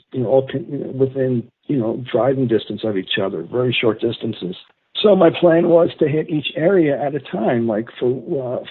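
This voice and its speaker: A man's voice: mid-range voice, slightly rough. A middle-aged man from Atlantic City, a guest telling rambling stories and acting out what people said. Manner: animated, rambling storyteller who acts out quotes. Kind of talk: storytelling in a podcast interview. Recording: tinny phone-line sound.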